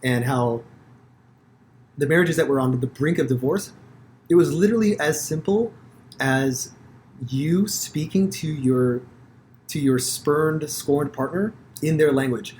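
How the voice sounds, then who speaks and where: A man from the United States hosting a podcast, telling stories in a rambling, profane, animated way with many restarts. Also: fairly high pitch, unhurried, long pauses, a little hiss or hum. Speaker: podcast host. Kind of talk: casual conversation.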